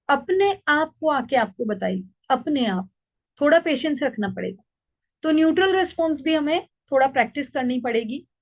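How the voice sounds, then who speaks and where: Lady parenting coach with a high voice, patient and steady, sounds kinda dull and lo-fi. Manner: calm, patient, explains with worked examples. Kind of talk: teaching a parenting class. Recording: dull lo-fi recording.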